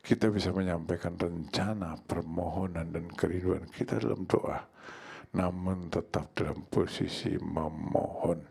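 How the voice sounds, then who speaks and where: Older male pastor for a church sermon; low raspy voice, swings from hushed pleading to loud cries.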